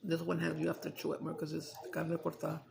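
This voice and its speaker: A chatty woman mukbang streamer talks casually while eating on camera, her voice low, a little mellow, and full of vocal fry. She speaks fast with a completely flat delivery, staying loose, swearing, and slipping into Spanish.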